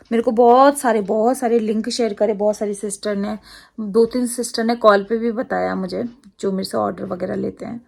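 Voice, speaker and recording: A woman with an Agra-region Hindi accent talks to her camera in a loose, rambling vlog. Her voice sits somewhat high, and she drifts from point to point, laughing easily. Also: creaky, a little mellow. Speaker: vlogger. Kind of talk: casual chat to camera.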